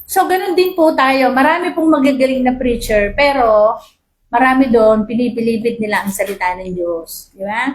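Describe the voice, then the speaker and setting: High-pitched woman giving a sermon in a church hall with a lot of echo, keeps checking if the crowd agrees. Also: moderate pace. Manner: keeps asking the congregation for agreement; mixes English Bible quotes into her talk. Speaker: preacher. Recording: roomy echo.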